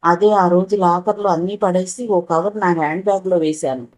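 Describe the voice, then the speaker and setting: A woman voicing a worried, indignant young woman in a spoken story, anxious and sharp. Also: lowish voice, steady tone, moderate pace, lightly acted.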